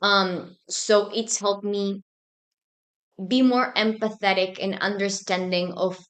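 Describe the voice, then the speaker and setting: Guesting in a relaxed interview, a young woman from Argentina, a native Spanish speaker and student society president, answers thoughtfully and at a measured pace, often saying um. Her mid-range voice is fairly bright with fairly even intonation.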